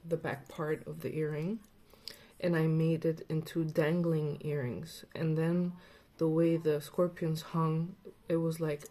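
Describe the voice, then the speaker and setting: Slow, mellow woman with a lisp. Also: deep voice, little pitch movement. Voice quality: slight lisp. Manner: rambling, chatty, with many fillers. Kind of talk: casual chat.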